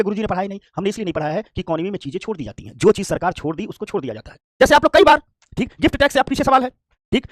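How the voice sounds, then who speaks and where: In a studio-quality recording with no echo, a man with an extremely high voice teaches an economics classroom lecture. He talks fast and lively, repeats "ठीक," keeps checking whether students understood, and acts out complaining shopkeepers, sounding tired from standing.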